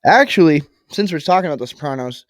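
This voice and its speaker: A young man co-hosting a podcast in casual banter, loud and joking, swearing often and laughing a lot. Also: a little high, animated, fast. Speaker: podcast co-host.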